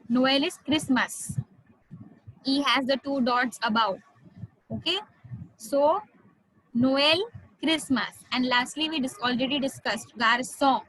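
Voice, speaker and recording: Woman, Indian accent, high pitch, online language teacher, patient spelling-out. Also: a bit bright, rough recording. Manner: explains slowly, switches into Hindi, spells words out. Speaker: French teacher.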